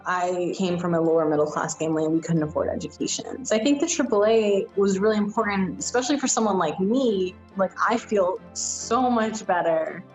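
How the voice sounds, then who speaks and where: A woman's voice: medium pitch, a little fast, hardly any pauses, a little mellow, faint music behind, low-quality recording. A young woman, a veterinary student, speaking sincerely and unhurriedly in a video testimonial.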